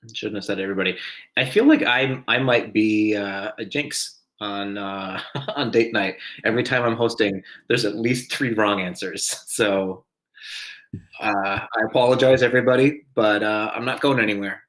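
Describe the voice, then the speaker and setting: A man with a lowish voice hosts a live online trivia night. He chats loosely between questions, pokes fun at himself, and chuckles often as he reads out answers. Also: normal speed, fairly bright tone, rough recording. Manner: chatty and self-deprecating, frequent chuckles. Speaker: trivia host. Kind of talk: live-streamed trivia hosting.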